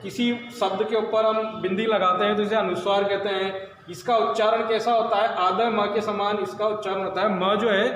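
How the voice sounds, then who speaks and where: A man's voice: sits high, little pitch movement, moderate pace, a bit bright. A male teacher from India giving a blackboard lesson, explaining step by step and asking and answering his own questions. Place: classroom with blackboard. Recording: very echoey room, long reverb, faint noise.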